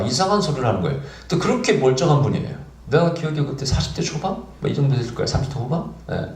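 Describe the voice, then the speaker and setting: A man preaching as pastor, telling a story with lively acted-out dialogue. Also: mid-range voice, reverberant. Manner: animated, acts out dialogue in the story. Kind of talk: storytelling sermon.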